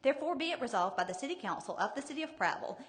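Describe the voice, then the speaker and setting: A woman's voice: sits high, lively intonation, rapid-fire. A woman, a city councilor, formally reading out a resolution. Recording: reverberant meeting hall.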